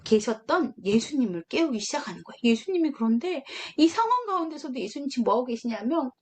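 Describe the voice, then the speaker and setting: A young woman gives a children's sermon in a slightly high, very animated voice. She tells it like a story, asks the children questions and voices the characters with expressive swings. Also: fast talker, breathy edge. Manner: storytelling, acts out dialogue with lively voices. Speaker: children's ministry preacher.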